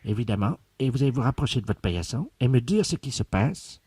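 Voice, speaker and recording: A prank caller with a medium-pitched, breathy-edged voice, recorded dry, plays a pompous male scientist investigating a virus outbreak for radio. He speaks solemnly and pedantically with deliberate articulation in a deadpan prank phone call with hushed radio commentary. The mood is solemn and instructive.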